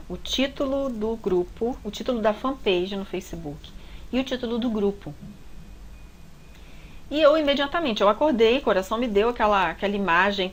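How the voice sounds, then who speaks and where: A relationship coach with a Brazilian Portuguese accent shares a personal story in a heartfelt, confiding tone, frequently using tag questions. Her voice is medium-pitched, and the rough recording carries a slight hiss or hum.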